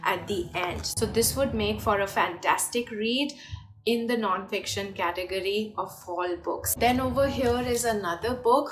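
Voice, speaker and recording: Woman doing a book recommendation video, explaining things to parents, mid-pitched voice, music playing behind. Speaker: presenter reviewing children's books. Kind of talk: informal book recommendation monologue to camera. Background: background music.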